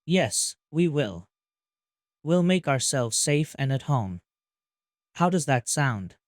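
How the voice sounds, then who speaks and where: Man reading a big soft-spoken uncle figure, low rough voice, gentle, middle-pitched, dry close sound, storybook. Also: sing-song, slow, dry recording.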